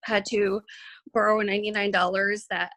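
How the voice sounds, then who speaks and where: A woman who trains a network marketing team leads an informal session recorded for video, chatting with many fillers and restarts and describing herself as shy and nervous. Her mid-range voice is a bit bright, with a flat delivery at normal speed.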